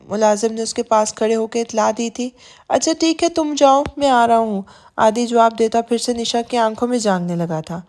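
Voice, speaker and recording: A woman narrating a romance novel as an audiobook, reading softly and evenly. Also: a little high.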